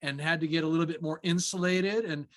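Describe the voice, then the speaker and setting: An upbeat man hosts a friendly online interview, chummy with his guest. His voice sits a little higher than most men's. The sound is close and dry. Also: fairly even intonation, quick pace, no room sound. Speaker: interview host. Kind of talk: casual interview hosting.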